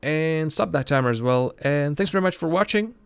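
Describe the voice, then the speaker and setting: A man giving casual, halting game commentary, thinking aloud and poking fun at himself, and speaking as a language. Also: on the high side, lively intonation, clean tone, no room sound. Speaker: host of a game playthrough stream. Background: game music.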